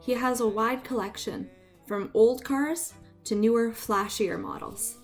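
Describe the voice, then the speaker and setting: Female narrator, scripted family-video voice-over, soft music bed. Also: fairly high pitch, unhurried.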